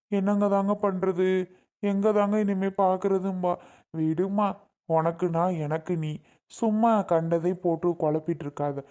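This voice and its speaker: A man's voice: high voice, a little mellow, clean tone. A man playing a grieving young husband and brother, lamenting through sobs. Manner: sobbing, pleading lament. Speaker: actor in a family skit.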